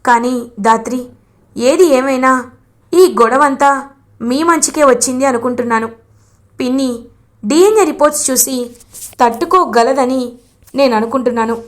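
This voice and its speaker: A woman voicing a kind young woman who calmly reassures her family. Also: high voice, moderate pace, pauses often, natural voice. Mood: reassuring. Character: kind young woman, calm sister-in-law.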